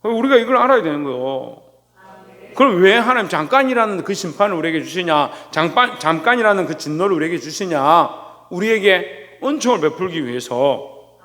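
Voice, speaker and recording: A male pastor with a fairly high voice delivers a sermon, firing rhetorical questions at his listeners and calling on them by name. His voice rings out in a church hall with a long reverb tail. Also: expressive, brisk, sharp tone. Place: church sanctuary.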